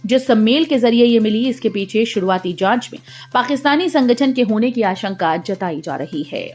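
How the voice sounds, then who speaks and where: A woman reading a scripted regional news bulletin in a steady, formal voice. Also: on the high side, normal speed, soft background music. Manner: steady formal headline delivery. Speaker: news reader.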